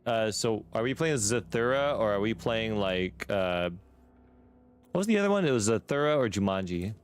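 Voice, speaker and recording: A man's voice: on the low side, animated, moderate pace, slight background noise. A man playing a video game, reading its text aloud and dropping casual, joking asides. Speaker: gaming streamer.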